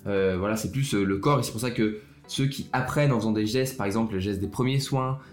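A man's voice: fairly low pitch, fast talker. A young man hosting a casual student podcast, talking straight to the listener in a chatty way, often restarting his sentences. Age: young adult. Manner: chatty, speaks directly to the listener, hesitant restarts. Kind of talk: casual solo podcast talk. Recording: roomy echo with faint music.

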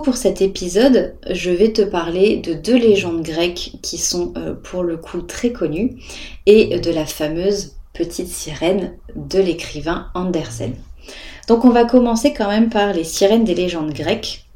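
Low, mellow-voiced woman podcast host. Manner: chatty, addresses listener informally, frequent filler words. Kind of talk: casual educational podcast. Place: at home, dog lying beside her.

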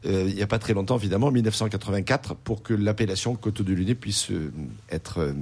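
On a radio wine segment, a man who is both a sommelier and a restaurant owner talks about wines in a low-ish, darkish voice with a breathy edge and a quick pace. His delivery is full of hesitations and repeated words.

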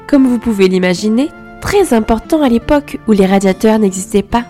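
A woman telling a fairy tale in calm, expressive scripted narration. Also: on the high side. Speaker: storyteller.

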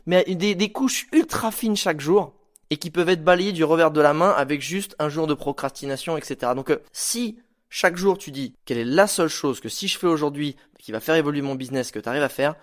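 A man hosting a podcast, giving casual motivational advice in an informal, animated way, with slang and the odd swear word. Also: a little high, fairly quick. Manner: acts out stories with sound effects. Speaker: podcast host.

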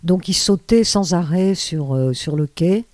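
A woman's voice: on the low side, a little slow, darkish tone, no echo. An older woman, a former radio host, telling rambling stories with many hesitations and restarts in an interview. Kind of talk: anecdotal storytelling.

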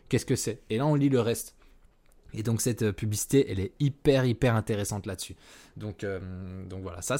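A man's voice: fairly low pitch, darkish tone. A man hosting a casual solo podcast, rambling with many fillers and self-corrections. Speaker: podcast host. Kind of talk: casual solo marketing talk. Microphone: podcast mic.

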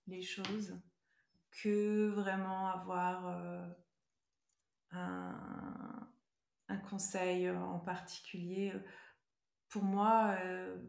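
Hesitant middle-aged woman with creaky voice. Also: mid-range voice, roomy sound. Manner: hesitant, searching for words, often restarting sentences. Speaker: interview guest, beauty brand co-founder. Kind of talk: casual conversational interview.

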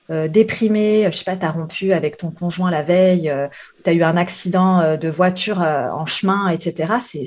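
A woman coach chatting in a podcast interview, her voice sitting a little low. She talks frankly and reflectively, with plenty of hesitations and fillers as she thinks aloud. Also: a little mellow. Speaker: guest, life coach.

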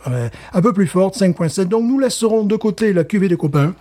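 This is a playful man co-hosting a relaxed conversation. He laughs often, jokes with puns and stumbles into restarts. His voice sits a touch above the usual for a man. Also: sits high, brisk. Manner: playful, wordplay, frequent laughter, stammering restarts. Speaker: podcast co-host. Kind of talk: casual chat.

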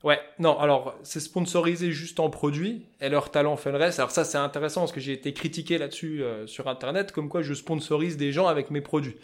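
A man with a Vosges accent, a fly-tying business owner talking loudly and passionately as an interview guest. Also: on the high side, fairly even intonation, brisk, few pauses. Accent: Vosges French. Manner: loud, passionate, talkative. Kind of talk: casual interview chat.

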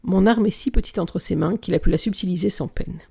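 A reader narrating a novel aloud at a measured pace, sometimes sinking into a whisper. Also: mid-range voice, gravelly, mellow, slightly rough. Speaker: audiobook reader.

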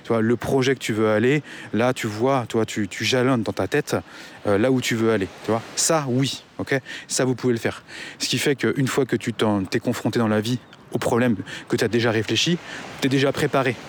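A man's voice: medium pitch, steady tone, normal speed, slight background noise. A man ranting casually to his audience, blunt and full of swearing and hesitant fillers. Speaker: online business commentator. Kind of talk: casual rant to camera.

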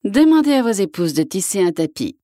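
A woman's voice: mid-range voice, big pitch swings, mellow, no room sound, studio quality, pitched above the performer's own voice, lightly acted. A woman reading the part of a grave old king speaking to his sons in a children's storybook. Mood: commanding. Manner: grave, measured.

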